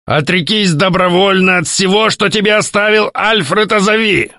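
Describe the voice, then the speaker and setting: A man's voice: sits high, normal speed, sharp tone, no echo, studio quality, pitched above the performer's own voice. A man voicing a masked male conspirator leader who speaks coldly and curtly, with menace. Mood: grim. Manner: cold, curt, irritable.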